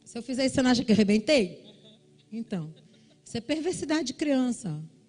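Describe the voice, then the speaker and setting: A woman pastor from Brazil preaching a sermon, telling a family story and acting out the shouting relatives in a high voice. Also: very animated, fast, soft background music. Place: church service.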